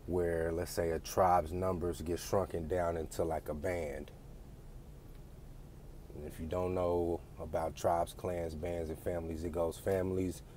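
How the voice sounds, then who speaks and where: A man's voice: deep voice, dark tone, slight background noise. A man giving a blunt, profane, lecturing rant straight to his audience. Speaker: vlogger. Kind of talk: casual ranting monologue.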